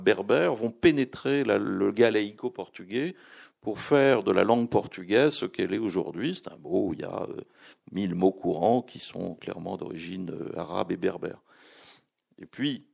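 A man's voice: lowish voice, creaky, darkish tone. A man speaking as a guest at a literary festival, explaining at length with many hesitations and restarts. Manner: discursive, full of hesitations and restarts. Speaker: publisher and translator, guest speaker. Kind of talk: public talk at a literary festival.

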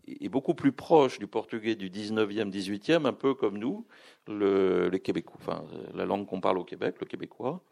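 A man with a deep, heavily gravelly voice gives a discursive talk at a literary event. He circles back on himself, filling pauses and restarting phrases as he explains. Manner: discursive, full of hesitations and restarts. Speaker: publisher and translator, guest speaker. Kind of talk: public talk at a literary festival.

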